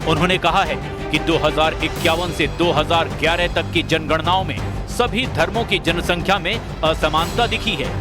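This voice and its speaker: A man's voice: fairly high pitch, normal speed, hardly any pauses, over music. A man narrating a scripted news report in an assertive voice-over.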